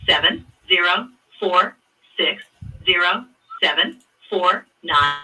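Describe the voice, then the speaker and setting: A man's voice: high voice, slow, far from the mic, rough recording. Automated voicemail man over a phone. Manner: flat recorded announcement, reading digits one by one. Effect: automated voicemail greeting played over a phone. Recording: phone speaker heard from off the mic.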